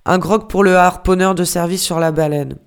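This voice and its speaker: A hot-tempered ship's mate, as an audiobook reader puts him on mocks and scolds with rhetorical questions, one after another. The reading keeps the reader's own mid-pitched voice. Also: fairly even intonation, moderate pace, clear, resonant tone, close to an everyday voice. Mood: scolding. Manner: mocking, hammering rhetorical questions. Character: irate, sarcastic male ship's mate scolding a steward.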